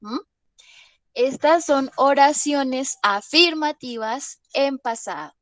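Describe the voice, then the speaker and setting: Here an online English lesson is led by a woman whose voice sits high and fairly bright, delivered at a slow pace. She explains things patiently and uses lots of tag questions to make sure students keep up. No room sound is audible.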